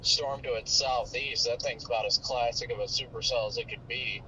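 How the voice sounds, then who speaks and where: Man, lively pitch swings, casual storm-chaser updates, off-mic, vehicle noise. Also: moderate pace, distant mic, dull audio. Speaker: storm chaser reading radar and navigation.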